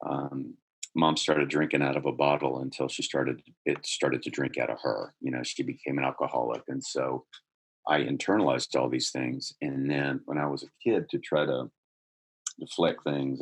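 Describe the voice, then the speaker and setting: A man's voice: rumbling low, slightly rough. A man, a podcast guest, earnestly telling a personal story and building energy as he goes.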